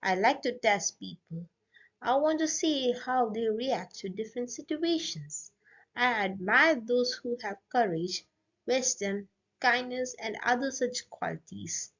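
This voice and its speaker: Sly old witch for a storybook, coolly superior and unhurried , read plainly by a woman, higher pitch, dull lo-fi sound. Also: animated, fairly bright tone, full character voice. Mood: sly, pleased. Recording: dull lo-fi audio.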